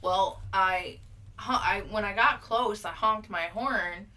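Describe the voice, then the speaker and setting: In an improvised comedy interview, a woman plays a mock eyewitness, casually telling her story about absurd claims in an insistent, matter-of-fact way. Her medium-pitched voice is slow, bright and forceful.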